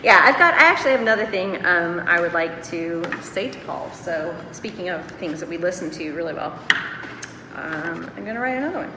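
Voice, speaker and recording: This podcast co-host is a woman with a lowish, expressive voice who talks a little fast in a sarcastic, mock-sincere way on a satirical comedy chat. The recording is very noisy, with roomy reverb and loud music behind her.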